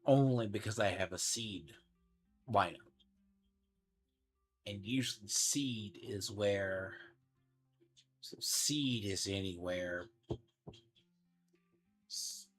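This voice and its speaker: A man's voice: on the low side, very slow, long pauses, fairly bright tone, breathy edge, rough recording. A man giving casual game commentary, rambling and thinking aloud as he speculates. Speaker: gaming streamer. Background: game music.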